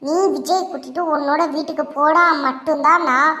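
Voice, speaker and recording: A woman playing a loud, defiant young wife. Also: high voice, steady tone, brisk, reverberant, long reverb tail. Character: stubborn angry young wife refusing to return.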